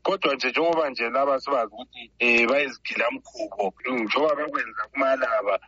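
A man's voice: medium pitch, fast talker, pushed and bright, slightly rough, dry recording. A man with a Zimbabwean Ndebele accent giving legal commentary as an expert, switching often into English. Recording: dull, lo-fi radio sound.

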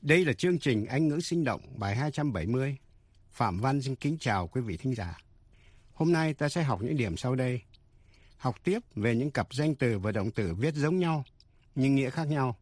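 A man's voice: mid-range voice, animated, husky, no room sound. Man teaching English on radio, dry studio. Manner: slow, careful teaching with English example sentences.

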